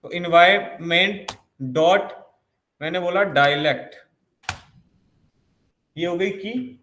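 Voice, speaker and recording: A man with a fairly high voice walks through a coding lesson. He explains each step and keeps asking rhetorical questions. The room is echoey, with a faint hiss behind him. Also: takes it slowly, bright, forceful tone. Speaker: programming instructor.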